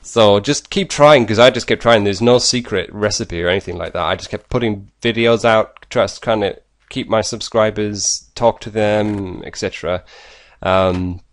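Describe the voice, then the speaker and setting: A man's voice: on the low side, fairly even intonation, normal speed, few pauses, no echo, low-quality recording. A British man answering viewer questions in a casual vlog, in a rambling, self-deprecating and chatty way. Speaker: YouTuber.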